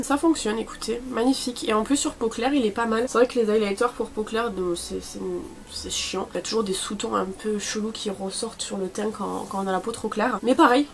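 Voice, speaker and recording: A young woman with a cold, chatting casually through a makeup tutorial, full of fillers and self-corrections. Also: mid-range voice. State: sniffly from a cold. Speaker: beauty vlogger.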